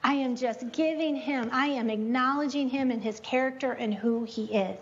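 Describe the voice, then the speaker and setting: A woman giving a chatty, animated devotional teaching, breaking into spoken prayers to God. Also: moderate pace, a little hiss or hum. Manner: chatty and animated, prays aloud with rising pitch. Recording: dull lo-fi recording.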